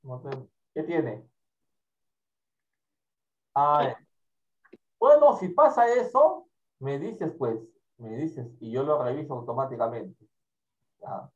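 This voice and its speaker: A male teacher running an online class for children, patient and repetitive, often trailing off into quiet mumbling, with a Peruvian Spanish accent. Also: mid-range voice, expressive, takes it slowly, long pauses. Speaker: primary school teacher. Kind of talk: online class, casual instructions. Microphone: computer mic on video call. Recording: dull lo-fi call audio.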